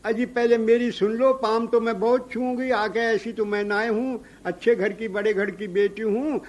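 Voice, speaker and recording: A man's voice: sits high, measured pace. A man voicing a bold, talkative young village bride in a devotional story. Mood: complaining.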